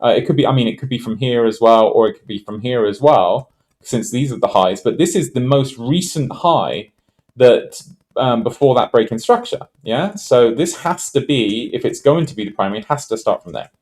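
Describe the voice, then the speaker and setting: A man's voice: medium pitch, animated, normal speed, darkish tone. A man talking casually through a chart trade review, thinking aloud with many fillers and restarts. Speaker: trading educator. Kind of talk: casual screen-share trade walkthrough.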